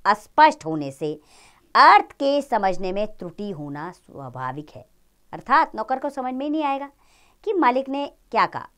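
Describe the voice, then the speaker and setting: A woman teaching children a grammar lesson, speaking in an expressive, explaining tone. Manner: expressive, rises and falls in pitch.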